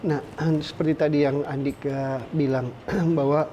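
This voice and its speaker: Male interviewer, somewhat high mellow voice, probing, faint background noise. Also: little pitch movement, measured pace, highs cut off. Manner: brief affirmations, probing follow-ups. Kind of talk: interview questions.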